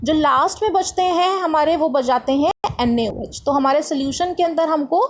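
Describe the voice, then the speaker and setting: A woman's voice: sits high, normal speed, low-quality recording. A woman science tutor explaining a lesson step by step, asking rhetorical questions as she goes.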